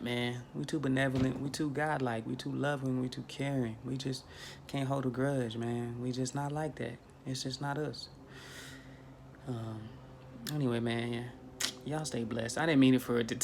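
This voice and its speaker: In a small bedroom, a man in his thirties talks casually to a phone camera held at arm's length, his mid-range voice gravelly. The spiritual vlogger is preachy and emphatic, often repeating himself for effect, and there's a bit of background noise.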